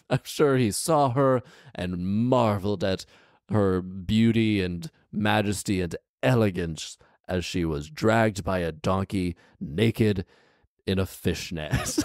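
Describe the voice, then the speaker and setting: With a fairly low, slightly mellow voice, a man reads a fairy tale on his story podcast and adds casual comedic riffs. He comes across as wry and incredulous, leaning on slang and emphatic repeats. Studio-quality audio, no echo.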